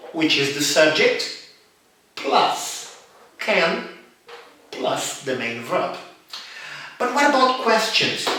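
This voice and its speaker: Slow, deliberate man teaching in an echoey room. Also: on the high side, bright, forceful tone, recorded from a distance, slight background noise. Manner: slow, deliberate, repeats examples. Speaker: English teacher. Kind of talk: grammar lesson.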